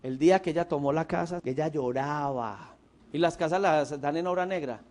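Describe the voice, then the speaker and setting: A man with a Colombian Paisa accent preaching a sermon, an animated storyteller who swings between emphatic and hushed delivery. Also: a little high, moderate pace. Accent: Colombian Paisa, Antioquia. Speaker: pastor.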